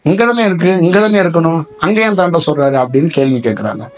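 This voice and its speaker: A man's voice: fairly high pitch, big pitch swings, fast. Man teaching with rhetorical questions. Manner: rambling, asks many rhetorical questions. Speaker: spiritual teacher. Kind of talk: spiritual discourse to listeners.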